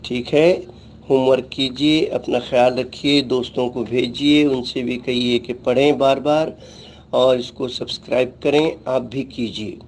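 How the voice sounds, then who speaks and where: A middle-aged male teacher works slowly through a language lesson, pausing to name each letter and sound it out with care. His pitch sits in an ordinary middle range. A faint hum of background noise sits under the voice. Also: fairly even intonation, a little mellow. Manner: patient, explains each sound carefully and repeats letter names. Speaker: Urdu teacher. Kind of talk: slow alphabet lesson.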